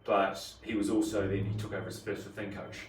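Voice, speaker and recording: Man, 40s, broad New Zealand accent, slangy podcast guest, deep-ish voice, recorded a little away from the mic. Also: level tone, fairly quick. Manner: colloquial and slangy. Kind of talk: casual interview chat. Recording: roomy echo, distant mic, faint noise.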